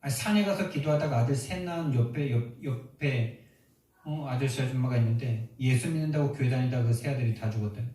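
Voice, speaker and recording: A man's voice: medium pitch, brisk, mellow, natural voice. Brief: male preacher voicing a blunt old grandfather in his late 80s, plain speech, distant echoey hall.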